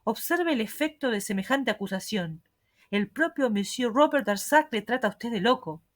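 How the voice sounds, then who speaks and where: A woman's voice: fairly high pitch, lively intonation, moderate pace. Woman reading a stern judge guy, grave, kinda threatening. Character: stern older male court president. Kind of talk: audiobook reading.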